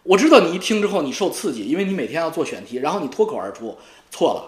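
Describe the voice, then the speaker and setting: Man, YouTube commentator, mocking and profane rant, fairly high voice, lively swooping pitch. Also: fast. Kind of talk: ranting monologue. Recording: roomy echo.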